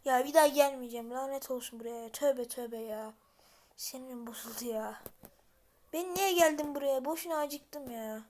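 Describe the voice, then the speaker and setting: A woman giving casual gameplay commentary, muttering to herself and then yelling in panic. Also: high voice, moderate pace, few pauses. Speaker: gameplay video maker.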